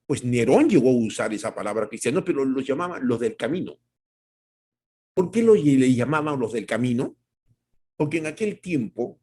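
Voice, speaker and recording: A man's voice: medium pitch, darkish tone, breathy edge. A man preaching a sermon as pastor, talking emphatically and directly to the congregation with many rhetorical questions.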